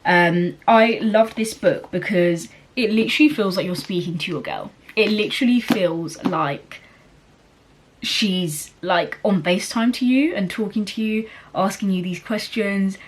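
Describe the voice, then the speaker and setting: A woman's voice: mid-range voice, a little slow, a little hiss or hum. A young woman chatting casually about books as a vlogger, rambling along with lots of fillers and laughs. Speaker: book vlogger. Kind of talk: casual chat.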